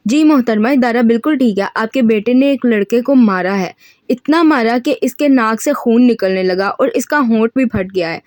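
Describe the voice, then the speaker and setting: A woman's voice: fairly high pitch, darkish tone, no room sound, studio quality, close to an everyday voice. A woman voicing a stern, polite middle-aged male professor in an audiobook reading of a novel. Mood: formal. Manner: polite, formal, measured.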